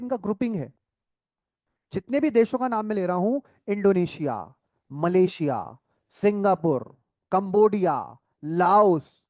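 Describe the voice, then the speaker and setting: A man teaching a coaching-class lecture, asking questions and answering them himself, repeating key terms with the answer dropping low. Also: a little mellow, no room sound.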